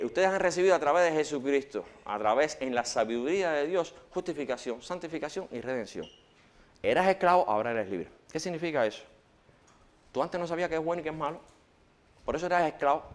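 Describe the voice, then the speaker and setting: Male preacher, higher-pitched, lively sermon delivery. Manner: animated preaching, swings from loud questions to hushed quoting. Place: church.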